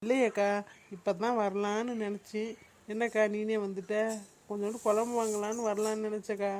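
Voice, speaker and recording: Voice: medium pitch, flat delivery, a little fast, a little mellow, a little hiss or hum, natural voice. A performer voicing a sly woman neighbor in a comedy cartoon, evasive and wheedling. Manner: evasive, then begging. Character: sly pleading woman neighbor caught thieving.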